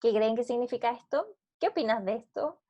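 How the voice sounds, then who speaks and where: A young Chilean woman, an English teacher, reading example sentences slowly in English and then explaining them quickly in Spanish in a recorded lesson. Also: fairly high pitch, dark tone, highs cut off.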